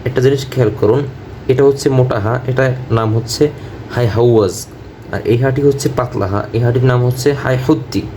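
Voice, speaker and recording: A man teaching Quran recitation word by word. He chants each phrase slowly and repeats it, then explains the pronunciation rules. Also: mid-range voice, warm tone, a little hiss or hum.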